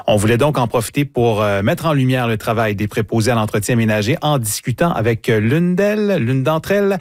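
Man hosting a radio interview on a dry studio mic, steady questions, medium pitch. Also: dry recording. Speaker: radio host. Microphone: studio microphone.

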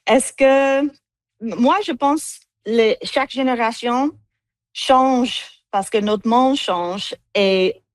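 With no echo around her, a woman with a slightly high voice speaks very slowly. The United States-born cellist, who has an English accent, is a guest giving interview answers in French, faltering with many fillers and switching to English words.

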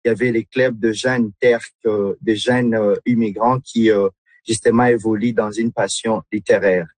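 A man's voice: lowish voice, fairly even intonation, moderate pace, dry recording. A man from the Democratic Republic of the Congo, a guest in an interview, speaking earnestly with many hesitations and repeated words. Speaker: guest, literary club member. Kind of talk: radio interview.

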